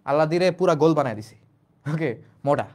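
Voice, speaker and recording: A young male teacher with a Bangladeshi Bengali accent. His voice sits a little high, and he talks in a loose, repetitive explaining style. He keeps rephrasing things and putting questions to his class. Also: lively intonation, fairly quick, darkish tone. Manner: repetitive, restates lines in plain colloquial words, asks rhetorical questions.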